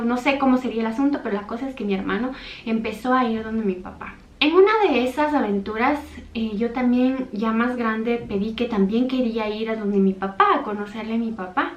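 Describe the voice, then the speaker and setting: A young woman speaks in a somewhat high voice, telling a personal story from her childhood to her viewers. Her delivery is earnest and intimate. The room gives her voice a noticeable echo. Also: lo-fi sound. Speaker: YouTuber. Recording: echoey room.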